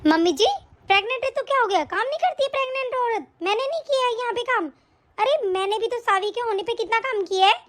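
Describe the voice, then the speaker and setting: A woman's voice: extremely high pitch, expressive, quick pace. A woman voicing a lazy, quarrelsome elder daughter-in-law in a cartoon story, whiny and always complaining. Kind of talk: cartoon voice acting.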